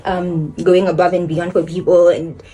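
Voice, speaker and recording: A woman's voice: lowish voice, little pitch movement, moderate pace, warm tone. A young woman chatting casually to a phone camera while doing her makeup, rambling and laughing often. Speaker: beauty and lifestyle vlogger.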